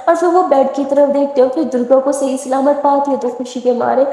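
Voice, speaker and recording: A woman narrates a love story with lively storytelling. Her voice is high and mellow. The recording carries a long, roomy echo. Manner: lively, acts out every character. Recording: echoey room with long reverb.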